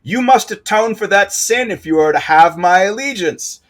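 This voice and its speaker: A man putting on an ancient booming tree spirit. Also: lively intonation, normal speed. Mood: grandiose. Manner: solemn, theatrical proclamations. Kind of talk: video game narration voice.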